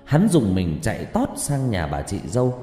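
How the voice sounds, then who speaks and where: A man narrating a ghost story in an expressive, dramatic way, recorded in an echoey room. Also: lowish voice, normal speed, soft background music. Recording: echoey room with long reverb.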